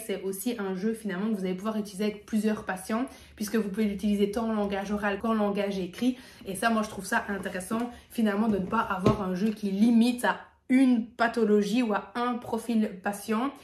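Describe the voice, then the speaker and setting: A woman's voice: medium pitch, a little mellow. A woman speech therapist chatting casually about the materials she uses, with many fillers and easy laughs. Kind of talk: casual video presentation. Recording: echoey room.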